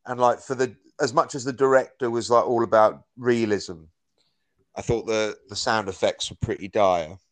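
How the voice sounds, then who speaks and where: A podcast co-host with a lowish voice and a steady tone chats casually about a film at a moderate pace. His review rambles, packed with "like" and restarts.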